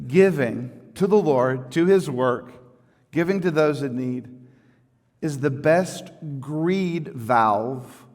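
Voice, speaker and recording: A man preaching a sermon as pastor, conversational and folksy, swinging from quiet asides to loud emphatic lines. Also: medium pitch. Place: church sanctuary. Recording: church sanctuary with long reverb.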